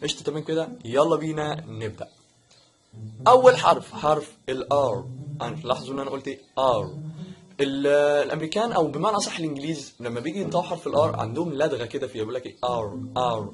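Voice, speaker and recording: A young man with an Egyptian Arabic accent hosting a casual English pronunciation lesson, joking and animated as he mimics mistakes. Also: fairly high pitch, rapid-fire, crowd noise. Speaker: English teacher, channel host.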